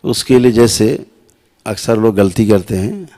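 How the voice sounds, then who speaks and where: A man teaching devotees slowly, repeating sounds to show the right pronunciation and checking that listeners follow. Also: lowish voice, mellow. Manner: asks listeners "है ना" and "समझ रहे हैं आप". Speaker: spiritual teacher. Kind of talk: slow spiritual instruction to devotees.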